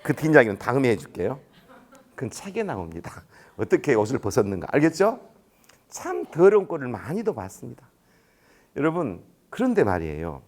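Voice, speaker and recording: A man's voice: medium pitch, wildly swooping pitch, a little fast. A middle-aged man giving a lecture at a staff training, telling colloquial anecdotes and acting out the dialogue. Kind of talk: storytelling lecture. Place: large conference room.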